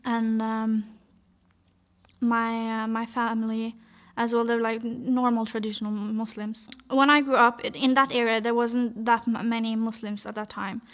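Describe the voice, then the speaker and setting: A woman's voice: fairly high pitch, level tone, measured pace. A young woman from Norway telling her life story in a casual, hesitant way, with many fillers and restarts. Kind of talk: personal testimony, casual.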